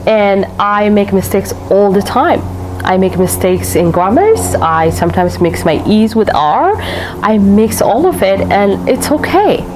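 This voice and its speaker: In a public library room with a noisy background, a woman with an Eritrean accent from Africa speaks as a guest author. Her medium-pitched voice swings widely and unhurriedly, and she laughs often and repeats words for emphasis.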